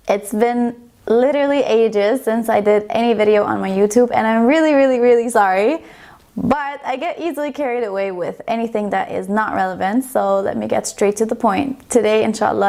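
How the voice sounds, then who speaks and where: Young woman vlogging, rambly and a bit self-deprecating, some fry in the voice. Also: medium pitch, steady tone, a little fast, darkish tone. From Estonia. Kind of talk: casual personal story to camera.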